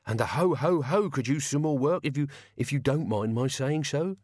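A man's voice: mid-range voice, expressive, moderate pace, a little mellow, no echo, clean studio sound, close to an everyday voice. A man voicing a crabby, coarse old male servant with blunt, slangy talk. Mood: coaching.

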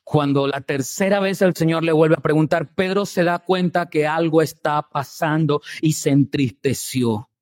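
Pastor guy preaching, kinda high voice, punchy emphasis then drops low and soft. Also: moderate pace, few pauses. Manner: emphatic preaching with rhetorical questions; swings between loud stresses and quiet low asides. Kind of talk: sermon.

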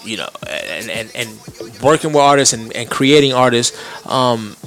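A man's voice: medium pitch, animated, measured pace, a bit bright. Slangy male podcast host over music. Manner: slangy, repetitive affirmations, some Spanish mixed in. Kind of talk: casual interview chat. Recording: music behind the voice.

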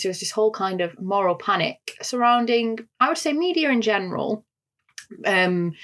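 Northern English woman with a gravelly low voice. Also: fairly bright tone. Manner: articulate, explanatory, frequent fillers. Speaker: podcast co-host. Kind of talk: film discussion podcast.

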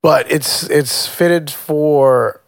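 A man's voice: a little high, drawn-out words, creaky, no echo, clean studio sound. A man co-hosting a podcast and talking casually about music production, playful and prone to rambling. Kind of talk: casual chat.

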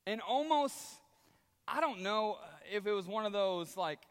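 High-voiced preacher in a reverberant hall. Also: male voice, unhurried, clean tone. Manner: conversational, animated storytelling with acted quotes. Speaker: pastor. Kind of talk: sermon. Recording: long reverb of a large hall.

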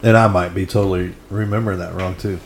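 A man co-hosting a podcast in casual chat, making dry deadpan quips. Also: deep voice, fast talker, creaky, slight background noise. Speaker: podcast co-host. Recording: echoey room.

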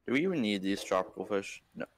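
Very deep, gravelly casual male gamer. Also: sing-song, fast. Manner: joking, mildly swearing with softened words. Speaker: gaming podcast co-host. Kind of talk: casual chat while gaming.

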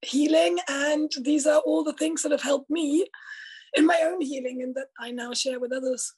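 A woman's voice: high-pitched, steady tone, moderate pace, a little mellow, poor audio. A woman from East Germany, a middle-aged health and life coach, telling her story in a reflective, thoughtful way during an interview. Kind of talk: casual conversational interview.

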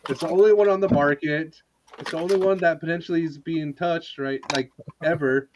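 A man co-hosting a casual chat, joking and quick with quips. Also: on the high side, fairly even intonation, background noise. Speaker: podcast co-host. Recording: dull, muffled mic.

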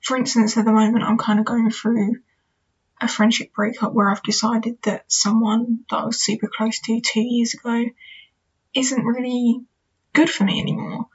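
Young woman host, casual reflective solo talk, slightly high husky voice, muffled recording. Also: little pitch movement, normal speed. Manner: chatty, candid, reflective, with fillers like "you know" and "kind of". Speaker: podcast host. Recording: dull lo-fi recording.

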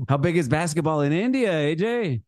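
A man's voice: a little high, lively intonation, normal speed, darkish tone, dry recording, clean studio sound. A man co-hosting a sports podcast in casual chat, rambling, often restarting his sentences and laughing. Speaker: podcast co-host.

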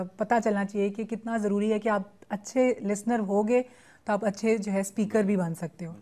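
A woman's voice: mid-range voice, mellow. A woman hosting an interview, chatting and posing questions to her guest while mixing English phrases into her speech. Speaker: interview host.

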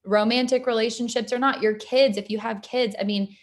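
A woman's voice: fairly high pitch, steady tone, fairly quick. Female podcast co-host, earnest and encouraging, conversational. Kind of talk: casual podcast chat.

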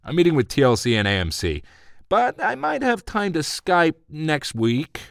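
A man's voice: fairly high pitch, huge pitch swings, moderate pace, gravelly, no room sound, clean studio sound, voice pushed up, heavily acted. A man voicing a cool, confident male hustler with an unbothered drawl. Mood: cool, smug.

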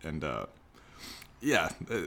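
A man's voice: very deep voice, wildly swooping pitch, slow pace, vocal fry, fairly bright tone. A man hosting a casual group podcast, talking in a garage with the door open. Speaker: podcast host. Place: in a garage with door cracked open by a main road. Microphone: USB desk mic with pop filter.

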